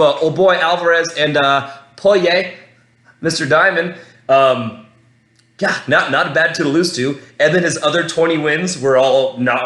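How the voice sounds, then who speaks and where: A man hosting his own show, recapping a fight in a casual, rambling monologue, excitable and swearing freely, with lots of restarts. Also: fairly high pitch, roomy sound. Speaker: podcast host.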